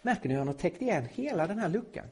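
A middle-aged man teaching a Bible lesson to a live audience, emphatic and at times rising to loud indignation. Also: high voice, very animated, husky.

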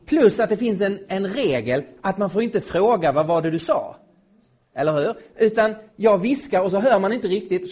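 A middle-aged man teaching a Bible lesson to a live audience, emphatic and at times rising to loud indignation. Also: high voice, husky.

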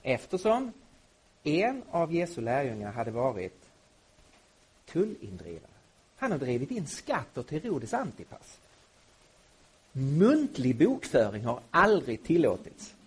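Husky, emphatic man lecturing a group. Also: mid-range voice, huge pitch swings, pauses often. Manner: emphatic, rising to loud indignation. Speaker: Bible teacher. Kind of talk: lecture to a live audience.

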